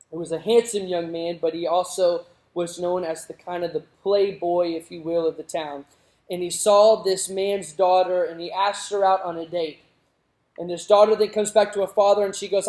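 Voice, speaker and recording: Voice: medium pitch, a little mellow. A youth pastor preaching a sermon in a conversational way that rises to emphatic moments. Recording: roomy echoing hall.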